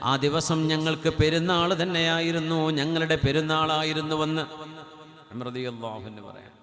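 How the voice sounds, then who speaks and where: A male Islamic preacher delivering a religious speech, chanting Arabic phrases and moving between loud cries and hushed storytelling. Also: a little high, normal speed. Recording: long hall reverb.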